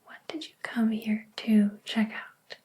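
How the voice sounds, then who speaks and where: A woman whispering slowly and breathily in a soft ASMR whispered role-play as a gentle, helpful librarian. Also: a little high. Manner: slow, gentle, hushed.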